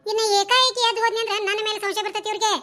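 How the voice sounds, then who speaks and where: Female voice actor: squeaky, piercing cartoon village women, North Karnataka Kannada accent, rapid chattering delivery. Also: fairly even intonation. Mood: anxious. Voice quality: very high, bright and shrill. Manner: fast, chattering village talk. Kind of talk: cartoon dialogue acting.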